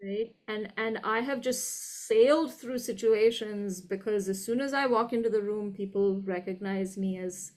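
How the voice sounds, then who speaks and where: This university professor, a guest in an interview, speaks with an educated upper-class Indian English accent in a medium-pitched voice with a darkish tone. Her talk is reflective, articulate, deliberate and emphatic, and she often checks in by asking "right?".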